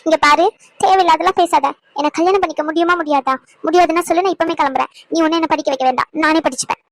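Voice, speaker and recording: Woman doing a stubborn young girl begging to get married, very high fast voice, dry sound. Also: steady tone, poor audio. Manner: pleading, stubborn. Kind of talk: dubbed serial drama.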